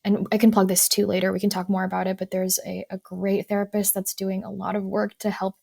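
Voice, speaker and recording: Woman counselor on a podcast, kinda gravelly, dry close sound, careful and measured. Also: medium pitch, completely flat delivery, mellow, no echo. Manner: thoughtful, measured, pauses to qualify points. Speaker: guest counselor. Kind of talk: casual podcast conversation.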